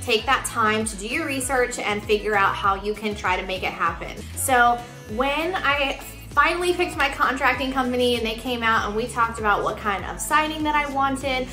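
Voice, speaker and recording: A woman's voice: on the high side, pushed and bright. A woman in her thirties explaining things casually and chattily to camera, as in a home renovation vlog. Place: living room indoors. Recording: roomy living-room echo, music underneath.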